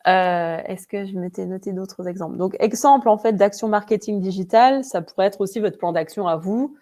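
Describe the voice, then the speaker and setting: A woman's voice: medium pitch, moderate pace, dark tone. A woman with a Vosges accent presenting an online training webinar, talking informally with many fillers and restarts. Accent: Vosges French. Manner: informal, chatty asides.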